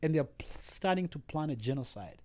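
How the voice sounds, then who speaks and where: This warm, fairly high male voice has lively intonation and a fairly quick pace. The speaker, about forty, is from Uganda with Rwandan refugee roots and an East African accent, recounting his own life emphatically as a podcast guest.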